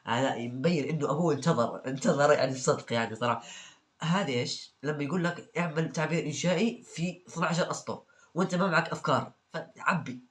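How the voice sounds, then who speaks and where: A man's voice: a little high, fast talker, a bit bright. A young man hosting a comedy video, reading out funny exam answers and reacting with joking, mock-exasperated remarks. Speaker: video host.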